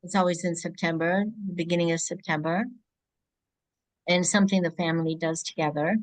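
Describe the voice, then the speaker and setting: A woman born in Greece speaks as an interview guest over a video call. Her voice sits a little low, and she talks in a thoughtful, halting way, often pausing and restarting her sentences. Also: flat delivery. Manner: reflective, halting, with frequent restarts. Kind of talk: casual interview chat.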